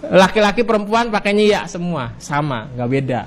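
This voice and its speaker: Indonesian man drilling Arabic grammar. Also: sing-song. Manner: repetitive drilling, rising pitch on each cue then dropping on the answer; stretches out Arabic words slowly. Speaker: Arabic teacher. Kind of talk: classroom lesson.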